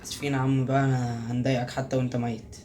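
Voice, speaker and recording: A young man with an Egyptian Arabic accent commenting on a horror game he plays, talking to himself and bursting out in panicky shouts. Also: mid-range voice, little pitch movement, very fast, a little hiss or hum. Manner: jumpy, panicky outbursts, talks to himself. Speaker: gaming YouTuber.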